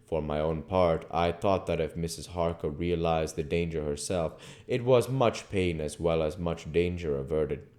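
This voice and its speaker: With a darkish bass voice, a man reads a classic novel aloud in the careful, formal style of an amateur audiobook narrator.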